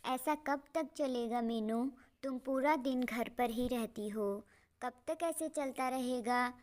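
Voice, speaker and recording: A woman's voice: on the high side, slow pace, darkish tone. A woman voicing a hardworking female bird who nags her lazy sister in a cartoon. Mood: scolding.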